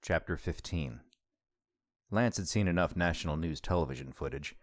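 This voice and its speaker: Man, very deep voice, steady measured audiobook narration, dry close recording. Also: no room sound.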